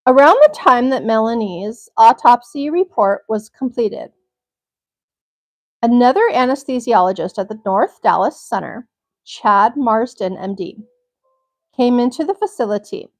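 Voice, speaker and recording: A woman's voice: a little high, lively intonation, unhurried. Young woman reading a crime article aloud. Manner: reads steadily, breaks off with blunt swearing reactions. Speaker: livestream host reading an article. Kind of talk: reading aloud with personal asides.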